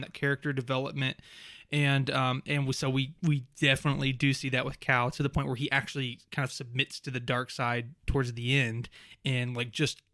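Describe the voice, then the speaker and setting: A man's voice: mid-range voice, bright, forceful tone, dry recording, studio quality. A man co-hosting a podcast in casual chat, rambling with many fillers and restarts. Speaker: podcast co-host.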